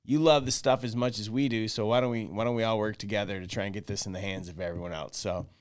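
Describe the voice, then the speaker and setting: Man, podcast host, lowish voice, loose rambling announcements. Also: fairly even intonation, fast talker. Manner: loose announcing, many restarts. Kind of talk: casual podcast chat.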